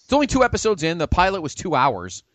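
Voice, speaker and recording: A man hosts a casual podcast chat, his voice swinging up and down with lively energy. He sounds enthusiastic as he plugs comics and shows. The sound is dry and close. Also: high-pitched, quick pace, dry recording. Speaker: podcast host.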